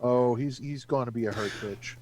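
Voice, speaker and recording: A man's voice: mid-range voice, moderate pace, mellow, slight background noise, low-quality recording. A man chatting casually as a player in a tabletop game.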